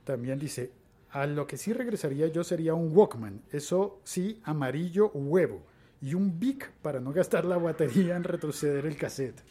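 A man's voice: a little high, normal speed. A man hosting a casual podcast, reading out listener comments and joking along. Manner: animated, reads out comments and jokes. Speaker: podcast host.

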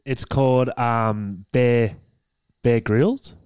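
A man's voice: mid-range voice, fairly even intonation, extremely slow, a little mellow, clean tone, no echo. A young Australian man chatting casually as a guest among friends. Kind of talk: casual chat.

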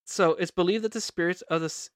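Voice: medium pitch, fast, dry recording, clean studio sound. A podcast co-host telling spooky stories in a casual, chatty way, informal and playful with some swearing. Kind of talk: casual storytelling chat.

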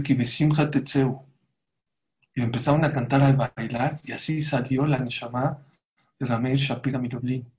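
Man giving a lively sermon. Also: mid-range voice. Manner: animated storyteller, acts out quoted voices. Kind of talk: sermon with storytelling.

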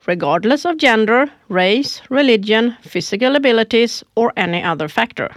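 A woman's voice: fairly high pitch, animated, moderate pace, no echo, clean studio sound. A woman co-hosting a corporate podcast who gives prepared lines with emphasis. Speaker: podcast co-host. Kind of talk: scripted corporate podcast dialogue.

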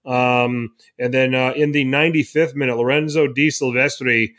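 A man's voice: mid-range voice, steady tone, normal speed, fairly bright tone. A man hosting a casual football podcast, recapping matches with lots of fillers and restarts. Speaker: podcast host.

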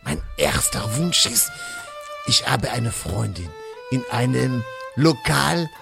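A theatrical cheese crown prince, gravelly and bright. His pitch swoops wildly and he drawls slowly through grand mock-pompous lines. Faint music plays behind him. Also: animated, full character voice. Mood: scheming whisper. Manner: melodramatic, mock-pompous, drops to a hoarse whisper. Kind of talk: comedy audio sketch.

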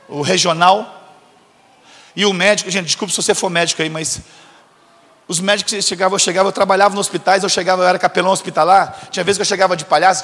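A man's voice: sits high, a bit bright, in a large hall. A man, a pastor giving a humorous storytelling sermon, acting out dialogue and teasing the congregation.

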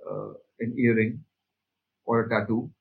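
A man with an Indian accent and a slightly husky voice speaks as a panelist in an opinionated discussion, emphatically repeating phrases to drive points home. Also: medium pitch, fairly even intonation, measured pace, phone-quality sound.

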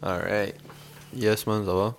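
A young man with a Québécois French accent co-hosts a podcast, telling stories in a relaxed, casual chat sprinkled with English slang. His voice is lowish and his pace slow.

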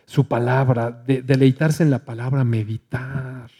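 Mellow-voiced pastor telling a story. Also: male voice, medium pitch, flat delivery, unhurried, slightly rough. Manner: storytelling, acts out dialogue, addresses listeners directly. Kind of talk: sermon with personal story.

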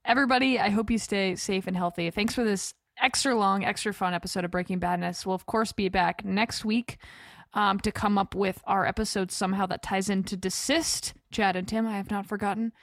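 A podcast host speaks in a casual, conversational way. Her mid-range voice is steady and brisk, captured in clean studio sound with no echo.

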